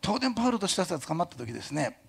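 Male pastor, sermon, fast talk, lively pitch, gravelly husky voice, Kyushu dialect touches. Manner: animated, jokey asides, imitates other pastors.

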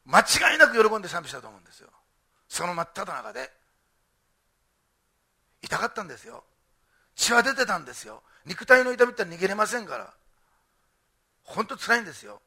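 A man preaching a sermon, animated, swinging from loud emphatic repetition to soft asides. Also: high-pitched, brisk, vocal fry, long pauses, breathy edge. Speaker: pastor.

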